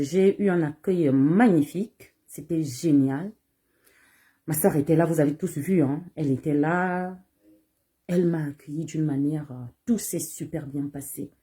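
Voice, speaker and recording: A woman's voice: deep voice, dark tone. A woman singer with a Cameroonian French accent, speaking to her audience in an emphatic, repetitive way, asking herself rhetorical questions. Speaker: bikutsi singer. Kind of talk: casual direct-to-audience address.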